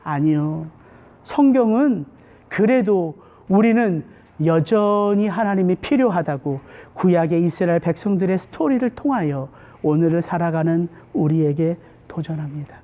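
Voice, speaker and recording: Animated preacher asking rhetorical questions. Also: medium pitch, normal speed, muffled recording. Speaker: pastor. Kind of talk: Sunday sermon. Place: church sanctuary.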